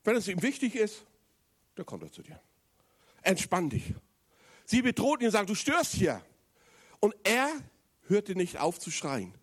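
A man preaching a sermon, speaking straight to the congregation with questions and moving between loud emphatic passages and low, quiet stretches. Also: very animated, moderate pace. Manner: addresses the congregation directly with questions.

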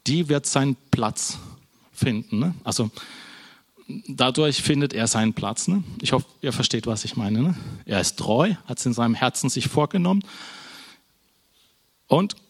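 A man's voice: medium pitch, animated, measured pace, long pauses, slightly rough. A man preaching an informal sermon in a church hall, talking to the congregation in a casual, conversational way. Almost every phrase ends with a questioning "ne?", and he often stumbles, restarts and corrects himself mid-sentence. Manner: conversational, keeps adding a questioning "ne?"; false starts and self-corrections.

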